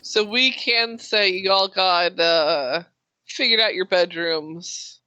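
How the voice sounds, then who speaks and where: A game master chatting casually while running a tabletop game, with pauses to think. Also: mid-range voice, pushed and bright, smooth, no echo, muffled recording.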